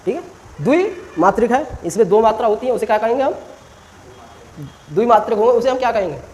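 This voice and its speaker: A man's voice: extremely high pitch, expressive, quick pace, darkish tone, rough recording. A man teaching a classroom grammar lesson, quizzing students with short questions and stretching vowels out to demonstrate.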